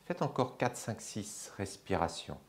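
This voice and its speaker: Deep gravelly man guiding slow breathing. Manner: slow, calm, measured guidance with long pauses. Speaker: yoga instructor. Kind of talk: guided breathing exercise.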